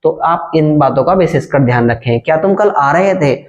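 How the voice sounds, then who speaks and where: A male English teacher giving a lesson, explaining grammar and repeating example sentences slowly. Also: fairly high pitch, lively intonation. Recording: dull lo-fi sound.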